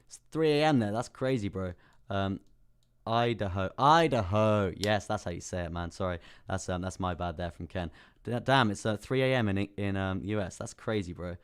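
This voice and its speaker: A young English man talks quickly and casually in a fairly low, hoarse voice, as if he has partly lost it. He chats loosely, greets people by name, and laughs easily while he walks through his charts. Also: animated. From England. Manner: chatty, reads out viewer names and laughs often. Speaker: crypto live-stream host. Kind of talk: casual live-stream chart talk.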